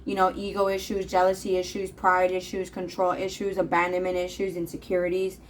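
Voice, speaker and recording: A woman's voice: on the low side, monotone, fairly quick, slight background noise, low-quality recording. A woman reading tarot cards in a casual, rambling monologue with plenty of fillers. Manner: chatty, rambling, frequent fillers. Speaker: tarot reader.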